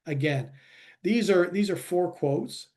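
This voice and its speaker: Man presenting with halting fillers. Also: high voice, lively intonation, a little mellow. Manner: halting, many fillers and restarts. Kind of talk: webinar presentation.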